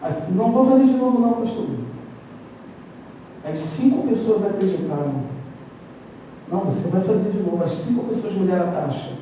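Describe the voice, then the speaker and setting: High-voiced Brazilian preacher in an echoey hall. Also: male voice, normal speed, long pauses, slight background noise. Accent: Brazilian Portuguese. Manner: lively storytelling, acting out his own doubts. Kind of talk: sermon with personal storytelling. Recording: echoey hall, mic far off.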